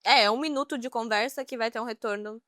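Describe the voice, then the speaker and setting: Bright-voiced chatty woman co-host. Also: on the high side, fast talker, no room sound, studio quality. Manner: chatty storyteller, laughs often. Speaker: podcast co-host. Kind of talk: casual chat.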